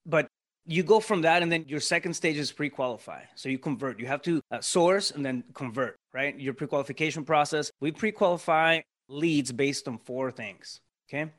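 This man's voice is fairly high and moderately paced. He's a real estate investor appearing as a podcast guest, a native Spanish speaker with a Mexican accent, casually explaining and laying out steps in interview talk while often tossing in tag questions.

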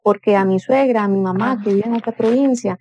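A woman, giving advice as a guest on a talk show and calmly explaining things, often voicing the people she quotes. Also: medium pitch, a little fast, husky. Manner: calm explanatory, acts out quoted family dialogue. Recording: dull dry studio sound.

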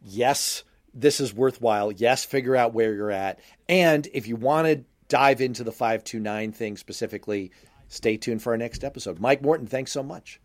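A man's voice: medium pitch, moderate pace. A man co-hosting a podcast in casual chat, wry and jokey as he poses questions. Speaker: podcast co-host asking questions.

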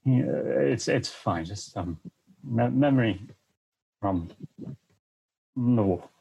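A man's voice: lowish voice, animated, slow pace, gravelly, dark tone, slight background noise, exaggerated voice, poor audio. A man playing a shell-shocked war veteran in a tabletop game, hollow and war-weary, stammering anxiously and evasively. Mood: shaken, evasive.

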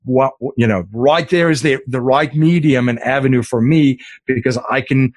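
In an interview where he is the guest, a middle-aged podcast host from South Africa, an Afrikaans speaker, talks loosely and rambles, with plenty of fillers and restarts. His pitch is medium, his pace moderate, and there is no echo.

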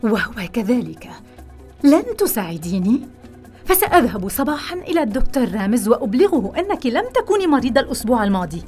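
Determined young nurse, insistent and urgent, voiced by an actress; a bit high. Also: female voice, big pitch swings, a little fast, soft background music. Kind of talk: audio drama acting.

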